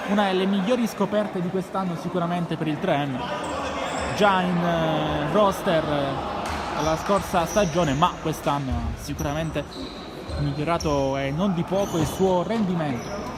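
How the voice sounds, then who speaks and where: A man giving live futsal commentary, his voice rising excitedly for goal calls. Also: high voice. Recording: loud indoor sports hall noise.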